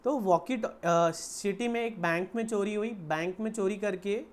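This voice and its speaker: A man with an Indian accent leads an introductory accounts class. He lays out each point slowly and often asks a question before giving the answer himself. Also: high voice. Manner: explains slowly in mixed Hindi and English, asks and answers own questions. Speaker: accounts teacher. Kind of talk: classroom lecture.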